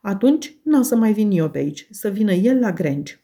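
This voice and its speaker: A woman reading aloud voices Catherine, a lively, impulsive teenage girl who speaks eagerly and affectionately. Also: mid-range voice. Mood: firm.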